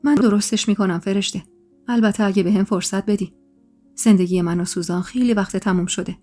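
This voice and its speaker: A woman's voice: fairly even intonation, mellow, faint music behind, natural voice. Woman reading a grave, earnest older man. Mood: confiding. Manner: low, muffled, earnest. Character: grave middle-aged man declaring quiet love.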